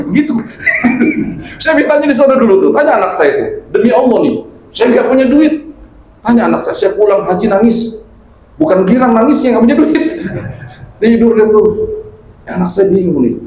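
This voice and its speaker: A middle-aged man preaches to a mosque gathering. He tells his stories with animated quoted voices, in a somewhat high-pitched voice. His voice echoes around the hall over a faint room hum. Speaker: kiai preacher. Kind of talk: humorous religious study talk.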